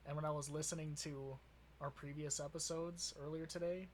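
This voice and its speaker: Talking a little fast in a highish voice with little pitch movement, this young Wisconsin-accented man from Wisconsin, USA co-hosts a podcast, chatting casually, rambling and laughing a lot. A little hiss or hum is audible.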